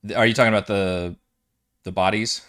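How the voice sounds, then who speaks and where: Male game master, lowish pitch, casual tabletop narration. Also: steady tone, a little fast, a bit bright.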